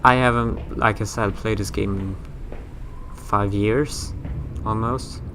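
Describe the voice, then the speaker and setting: A Swedish gaming YouTuber with a Swedish accent rambles and jokes through a horror game let's play, mocking himself and swearing casually. His lowish voice moves slowly with fairly even intonation against a noisy background.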